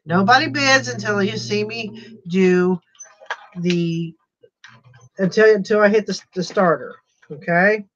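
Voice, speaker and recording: A woman's voice: mid-range voice, fairly bright tone. A woman hosting a casual live-stream auction, chatty and laughing often. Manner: chatty, laughs often, drawn-out slow delivery. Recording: dull lo-fi livestream audio.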